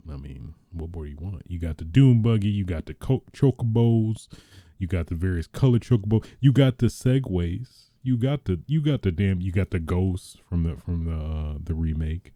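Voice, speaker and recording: A man hosting a casual gaming podcast who talks in an excitable, rambling way, with many fillers and restarts, into a podcast mic. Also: sits low, no echo. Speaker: podcast host.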